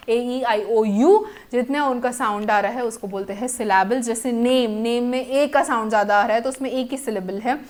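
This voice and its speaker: A woman teacher giving an exam-prep lecture, mixing Hindi explanation with English terms and slowing down to repeat rules and examples. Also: fairly high pitch.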